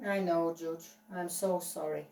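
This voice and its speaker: A woman voicing an excitable male dog on trial, gushing and apologetic in a playful toy-play story. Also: on the low side, a little slow, creaky, recorded from a distance, pitched below the performer's own voice. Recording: roomy echo, voice off-mic.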